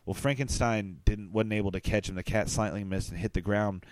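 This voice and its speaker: A man with a fairly low voice hosts a loose comedic conversation. He spins absurd stories in a deadpan, rambling way, full of fillers and restarts. The sound is dry and close, with no room around it. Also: a little fast, dry recording. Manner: rambling deadpan tall tales with filler words. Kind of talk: casual comedic chat.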